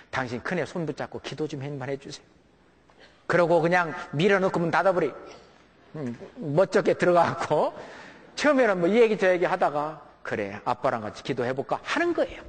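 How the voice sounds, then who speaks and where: A man's voice: sits high, in a large hall. A man preaching a sermon to a congregation in a conversational way, often checking in with his listeners and acting out the voices of family members. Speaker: pastor. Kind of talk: sermon on raising children.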